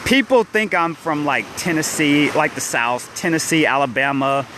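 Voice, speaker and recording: A young man from central Illinois, speaking with a downstate accent in a fairly high voice at a normal pace, rambles through a casual livestream chat. He's a vlogger walking along a beach at dawn with his phone in hand, restarting often and filling gaps with "like." The phone video picks up loud surf and waves behind him.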